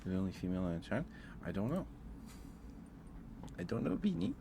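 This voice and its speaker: Over a noisy background, this ASMR livestream host speaks briskly and very animatedly in a fairly low voice with vocal fry. He rambles casually, hesitating and repeating his phrases frequently.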